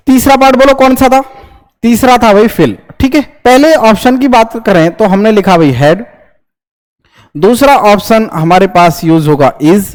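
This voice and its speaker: A young man teaching English grammar in Hindi, lecturing to students and firing quick questions he answers himself. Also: sits high. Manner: lively, repeats checks like "understood?". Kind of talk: classroom lecture.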